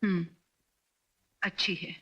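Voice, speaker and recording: A woman's voice: takes it slowly, a bit bright. An actress playing a stern middle-aged mother who scolds and commands in a 1990s Bollywood film. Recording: film soundtrack with background music.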